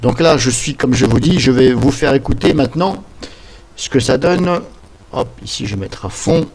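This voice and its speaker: A man talks through a software tutorial in an informal way. His voice sits at an average pitch. He rambles as he explains each step. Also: lively intonation, moderate pace, a little hiss or hum. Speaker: tutorial presenter.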